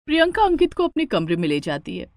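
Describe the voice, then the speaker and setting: A woman narrating a scripted storybook cartoon in an expressive storytelling manner. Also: a little high, quick pace, no room sound, clean studio sound.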